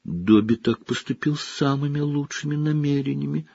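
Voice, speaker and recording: Man doing a squeaky house-elf, servile, pleading, high voice, husky, dull dry audiobook recording. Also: normal speed, darkish tone, no echo. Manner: servile, calls listener sir, speaks of himself by name. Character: small anxious male house-elf servant.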